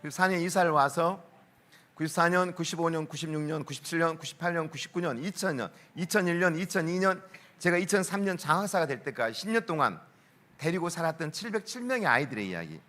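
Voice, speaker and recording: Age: 60s. Sex: man. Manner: lively, bright storyteller. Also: on the high side, a little fast. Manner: lively storyteller, acts out quoted voices, laughs often. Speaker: school principal giving a talk. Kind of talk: storytelling talk at a worship concert.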